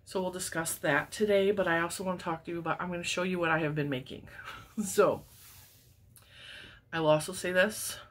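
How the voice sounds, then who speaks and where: Speaking fairly quickly but pausing often, this woman in her forties has a voice on the low side, wheezy and congested. She's chatting casually on her crochet channel, full of laughs and animated hand gestures, surrounded by yarn shelves in her home craft room.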